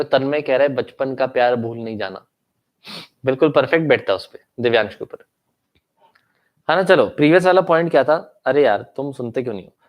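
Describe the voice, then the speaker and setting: Indian man lecturing with a sore throat. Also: medium pitch. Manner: mixes Hindi and English, coaxing students with tag questions. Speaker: commerce law lecturer. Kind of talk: online lecture reading chat questions.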